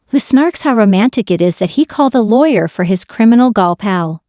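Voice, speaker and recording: A woman narrating a scripted recap of soap opera events in a flat, even reading. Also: mid-range voice, dry recording, studio quality.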